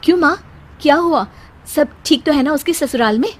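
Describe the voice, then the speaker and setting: A woman's voice: high voice, brisk, pitched above the performer's own voice, natural voice. A woman voicing a polite, earnest young daughter-in-law in a cartoon family story. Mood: worried. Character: gentle, dutiful young daughter-in-law, worried and self-sacrificing. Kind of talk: cartoon moral story voice acting.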